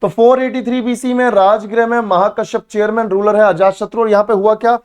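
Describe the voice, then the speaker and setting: A man with a high, clear, resonant voice teaches exam-prep history at a board, speaking fairly quickly with fairly even intonation. He repeats key words as a drill, calls students beta and bhai, and answers the questions he poses.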